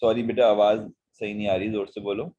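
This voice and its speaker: Husky-voiced, low-pitched male biology teacher. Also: little pitch movement, a little fast, mellow, lo-fi sound. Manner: patient, explains step by step in mixed Hindi and English. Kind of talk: online past-paper lesson.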